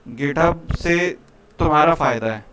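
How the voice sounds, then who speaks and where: A man from India leads a live programming lesson in a classroom, speaking to his students in a loose, friendly, chatty way. He keeps checking in with them as he goes, and his voice sits a little on the high side. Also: takes it slowly, a bit bright. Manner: casual, repeats "ठीक है" and "भाई", coaxing students. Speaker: programming teacher.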